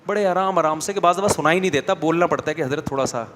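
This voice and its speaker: A man preaching to a gathering, shifting between hushed storytelling and loud, emphatic preaching. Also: high-pitched, steady tone, in a large hall, slight background noise. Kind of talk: lecture to a live gathering.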